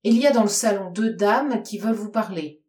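A woman's voice: medium pitch, fairly quick, a little mellow, natural voice. A woman doing a curt old housekeeper. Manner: dry and curt. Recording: roomy echo.

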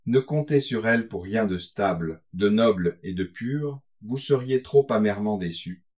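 A man's voice: lowish voice, animated, normal speed, a little mellow, lightly acted. A man reading aloud, voicing a bitter, ruined Spanish coachman who gives solemn warnings in an audiobook. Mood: grave warning.

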